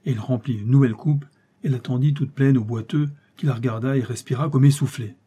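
A man reading a classic story aloud as an audiobook narrator, steady and expressive. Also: mid-range voice, a little fast, husky.

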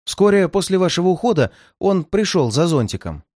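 A sly, cowardly crook from a detective storybook, drawling his threats slowly and breaking into high cries, as a reader plays him. His pitch wanders over a very wide range, recorded dry and close. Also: big pitch swings, darkish tone, no room sound. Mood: smooth. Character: sly male criminal clerk, cowardly then brazen.

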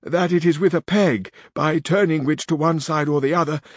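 A man's voice: fairly high pitch, fairly even intonation, normal speed, no room sound, clean studio sound, lightly acted. A man reading aloud and voicing a distressed noblewoman with florid, lamenting speech. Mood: formal.

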